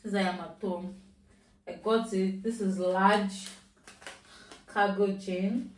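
At home indoors, a woman with a Nigerian accent shaded by Yoruba chats easily to the camera about a shopping haul, slipping into Pidgin from time to time. Her mid-pitched voice is steady and unhurried. The mic sits at a distance, catching a roomy space.

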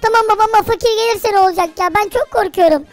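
Man playing a chatty, excitable little boy; very high, quick, close dry mic. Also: no echo. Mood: eager. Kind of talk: Minecraft role-play.

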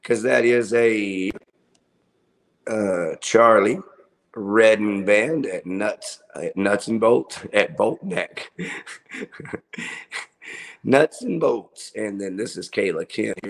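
Man, very low voice, unhurried delivery, rambling, profane, casual livestream host. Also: gravelly. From Texas. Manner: rambling and profane, with filler words. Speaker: host of a local music video show. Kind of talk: casual livestream chat, promoting bands and shows.

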